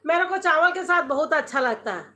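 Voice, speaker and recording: A middle-aged woman with a Chatty Chhattisgarhi accent hosts a live stream from her home, talking straight into her phone. Her voice sits high and sounds bright and clear. She moves easily between Hindi and her dialect as she greets viewers and answers their comments. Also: expressive, a little fast.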